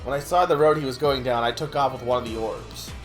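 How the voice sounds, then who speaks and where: A man's voice: mid-range voice, fast talker, faint music behind, close to an everyday voice. A man playing an earnest, pleading bird scientist from a video game, speaking with urgency as a mentor. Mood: regretful.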